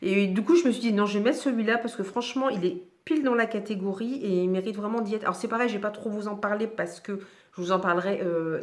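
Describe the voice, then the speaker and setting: Woman book vlogger, casual and hesitant, mid-pitched, recorded in a roomy space. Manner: chatty, hesitant with many fillers and restarts. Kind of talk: casual book review chat. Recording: echoey room.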